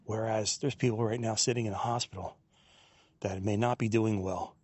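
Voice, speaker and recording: A man hosting a podcast, musing aloud in a soft-spoken reflective monologue while walking a quiet wooded trail, captured on a handheld digital recorder without a windscreen. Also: fairly low pitch, fairly even intonation, moderate pace, no echo. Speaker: podcast host. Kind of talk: reflective solo monologue on a walk. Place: outdoors on a quiet wooded trail in a state park.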